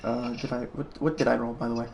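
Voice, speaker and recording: Gravelly man playing a tabletop game. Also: mid-range voice, flat delivery, fast, very noisy. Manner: stammering restarts, blunt. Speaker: player. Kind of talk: casual tabletop play.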